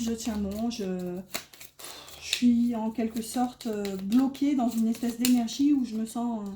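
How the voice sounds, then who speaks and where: A woman's voice: a little high, mellow, slight background noise. A woman with a slight northern French accent giving a casual tarot reading to viewers, hesitant and full of fillers as she talks through each card. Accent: northern French (ch'ti). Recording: echoey room.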